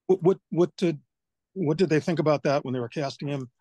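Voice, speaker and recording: Fast-talking husky man on a call. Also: a little high, mellow, no echo. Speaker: discussion participant. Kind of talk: question from a participant on a video call. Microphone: video call.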